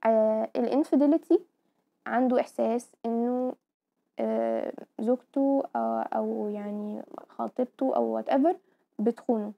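A woman with an Egyptian Arabic accent teaching a medical class, her voice sitting a little high. She explains concepts patiently and keeps checking that listeners follow. The recording sounds dull and lo-fi. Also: moderate pace, creaky. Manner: explanatory, mixing English medical terms, frequent "tamam?" checks. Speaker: medical lecturer.

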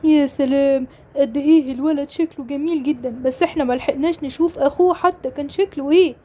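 A woman plays a young Egyptian father in a homemade game drama, consoling and earnest. He talks quickly and repeats himself. The voice is high and mellow rather than bright. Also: fairly even intonation, lightly acted. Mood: shocked, consoling. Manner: earnest, comforting, fast and repetitive. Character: young father grieving his lost twin son. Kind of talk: toy-game role-play drama.

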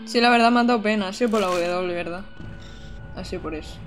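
A young woman from Almería, streaming a game live and chatting excitedly with her viewers. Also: mid-range voice, fast talker, music in the background. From Almería, Andalusia, Spain. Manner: chatty and excitable, talks to chat, exclaims often. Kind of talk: live-streamed gameplay commentary.

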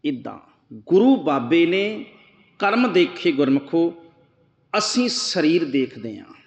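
Male preacher, slow and measured, a bit high, chants verses then explains, echoey hall, dull lo-fi sound. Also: very animated, creaky. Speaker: Sikh preacher. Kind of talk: scripture exposition sermon.

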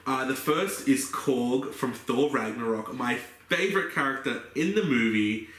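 A man's voice: mid-range voice, measured pace. Young guy rambling casually. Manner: relaxed, rambling, many fillers. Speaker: vlogger. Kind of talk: casual haul video. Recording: echoey room with faint noise.

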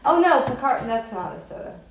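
A chatty young woman rambles on with friends, piling up fillers as she talks. Her voice sits fairly high and sounds echoey and far off, with clear noise around it. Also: very animated, brisk. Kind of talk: casual group chat on a livestream. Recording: echoey room, far from the mic, background noise.

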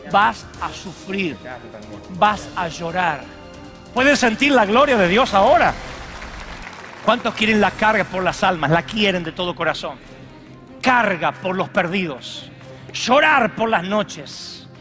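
A middle-aged man preaches with fire, his voice high and bright. He swings from loud shouting to hushed, quiet lines. Faint music plays behind him in a large church. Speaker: pastor. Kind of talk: sermon.

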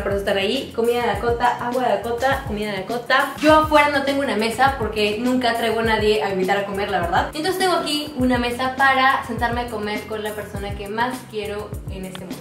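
Touring her house on camera, a high-voiced Peruvian vlogger in her twenties jokes casually in a playful, mock-serious style. The camera mic captures echoey small hard-walled rooms indoors, with clear background music.

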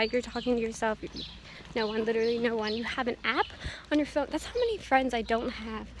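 Teen girl vlogger, high voice, chatty and crude, self-mocking, phone held out on a walk, faint street noise. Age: teens. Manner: rambling, profane, self-mocking, frequent laughs. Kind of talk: casual walk-and-talk vlog. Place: outdoors on a town street. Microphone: phone at arm's length while walking. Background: faint street noise and a weed whacker.

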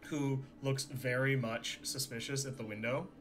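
A streamer chatting casually over a game, excitable, self-mocking and quick to swear. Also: mid-range voice, over music.

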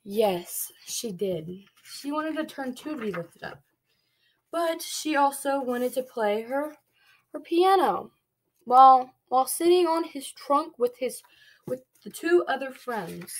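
The recording is rough. A young woman with a high, animated voice takes her time reading a picture book to small children in a small, dim bedroom, breaking off to explain and ask them questions as a preschool read-along storyteller.

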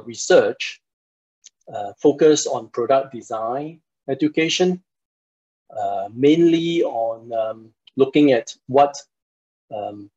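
Heard through a computer mic on a video call, this Singaporean man in his forties gives a university lecture online, courteous but hesitant and full of fillers. His voice sits at medium pitch with a darkish, husky tone, and the audio is dull and lo-fi.

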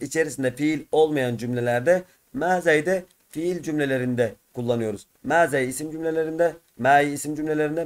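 A hoarse man walks through a textbook lesson, reading short phrases and translating each word as he goes. His voice sits a little high for a man and has a rough edge to it. He speaks to his students as friends. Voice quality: rough-edged. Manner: reads Arabic phrases then translates them word by word, addressing students as friends. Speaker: teacher.

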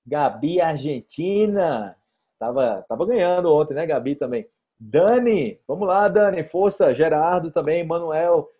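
A young man with a Brazilian accent, teaching Portuguese vocabulary on a live-stream quiz, chatty and lively, reading out viewers' comments. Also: on the high side, unhurried, slightly rough, lo-fi sound.

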